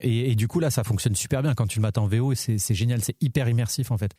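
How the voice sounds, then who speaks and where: A man's voice: mid-range voice, quick pace, warm tone, dry recording, studio quality. A man co-hosting a casual film podcast, talking enthusiastically with lots of fillers and restarts. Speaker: podcast co-host.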